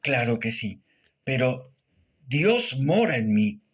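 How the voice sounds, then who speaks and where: Guy preaching a sermon, slow and deliberate, swoops up and down a lot, says amen constantly. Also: mid-range voice, big pitch swings. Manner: earnest preaching, repeated amens, tag questions. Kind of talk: sermon meditation.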